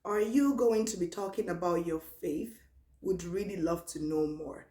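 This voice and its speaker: A young Nigerian woman with a low, easygoing voice talks casually through a question-and-answer vlog. She reads each question aloud slowly, then answers in a relaxed, chatty way. Her voice rings in an echoey room. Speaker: vlogger.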